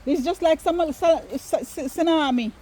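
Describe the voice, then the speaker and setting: A woman's voice: sits high, a little slow. A woman from Jamaica with a Jamaican accent, chatting casually and emphatically in a family vlog, filmed outdoors in the countryside. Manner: animated, emphatic, playfully argumentative. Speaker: vlogger.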